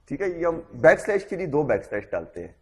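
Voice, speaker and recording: Man, programming teacher, step-by-step, bouncy intonation, fairly high voice. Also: very animated. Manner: repeats "theek hai" constantly, explains step by step. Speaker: programming instructor. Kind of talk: classroom coding lecture.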